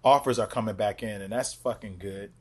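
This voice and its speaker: On a relaxed podcast, a Chicago stand-up comic spins lively tales from the road and does impressions of crowd voices. His voice is husky and fairly low, and he talks fairly quickly.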